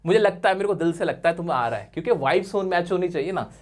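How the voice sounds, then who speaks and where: A man teaching an exam lesson in an animated, coaxing way, full of rhetorical questions and playful teasing. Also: high voice, rapid-fire. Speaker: English teacher. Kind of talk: classroom-style exam lesson.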